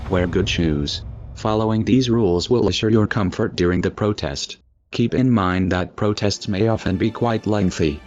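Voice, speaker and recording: A man speaking through a disguised deep voice, reading a formal, scripted public statement as an anonymous spokesperson in a measured, instructive manner. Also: darkish tone. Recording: dull lo-fi audio with faint music.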